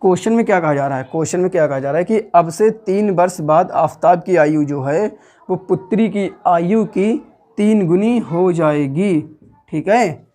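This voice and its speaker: A man's voice, sitting high and mellow at a moderate pace, carries a Hindi accent as he walks a class through maths step by step. He patiently repeats each step and answers the questions he asks the students.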